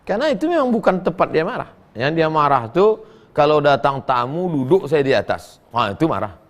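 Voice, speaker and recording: A middle-aged man preaching, reading listeners' questions and answering them in a folksy, joking way, his voice swinging between high and low as he acts out quotes. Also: very animated, fairly quick. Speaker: Islamic preacher. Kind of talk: sermon answering read-out questions.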